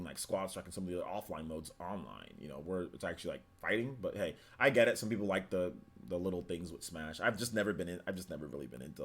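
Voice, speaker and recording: A young man with a low, breathy-edged voice hosts a live stream, casually chatting and responding to viewer comments with animated incredulity and frequent restarts.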